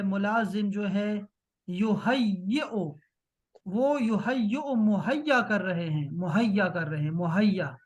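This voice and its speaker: Slow-reading man teaching Arabic. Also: high voice. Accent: Urdu. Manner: slow, drawn-out reading, encouraging praise. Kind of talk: online class, translating line by line.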